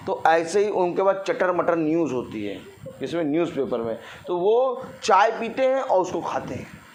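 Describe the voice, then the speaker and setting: A man's voice: high voice, big pitch swings, moderate pace, slight background noise. A middle-aged man preaching a sermon with congregation responses, acting out everyday people with playful mockery and laughter. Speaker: pastor.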